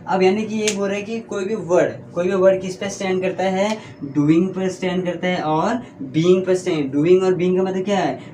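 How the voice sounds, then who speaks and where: A man teaching grammar in a classroom, explaining slowly and answering his own questions. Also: high-pitched, fairly even intonation, warm tone, slight background noise. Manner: explains slowly, drags out example sentences word by word; asks questions and answers them himself. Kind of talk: classroom lesson. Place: classroom at a board.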